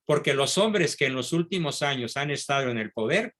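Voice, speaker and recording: A man giving a history lecture, reading passages of a speech aloud slowly and repeating key phrases. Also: mid-range voice, expressive, a bit bright.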